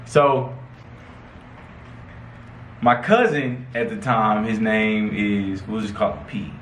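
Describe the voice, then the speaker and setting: A man's voice: fairly low pitch, slow, fairly bright tone. Young American man chatting in an echoey room. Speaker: storyteller. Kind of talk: casual chat and storytelling. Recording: echoey room, faint background noise.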